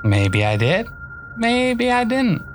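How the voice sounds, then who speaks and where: A man's voice: very high-pitched, wildly swooping pitch, slow pace, over music, voice pushed up, heavily acted. A man voicing a sly, menacing male weasel-like creature with a slangy, threatening drawl in an audiobook. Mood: taunting. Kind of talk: audiobook narration.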